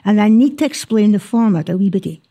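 A woman's voice: mid-range voice, animated, fast talker, warm tone. A woman with a broad Scottish accent presenting a gardening radio show informally and chattily, sprinkling in Scots words.

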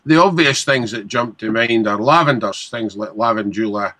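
Male gardening expert, Scottish accent, bright firm tone, informal advice, dry recording. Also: on the low side, normal speed, no room sound. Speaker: head gardener giving advice.

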